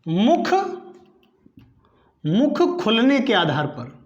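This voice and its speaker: A man's voice: high-pitched, big pitch swings, echoey room, highs cut off. A man teaching an exam-prep grammar lesson, quizzing the class and answering himself while drilling each term. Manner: asks quiz questions and answers them himself, repeating terms; slow, deliberate drilling of each item.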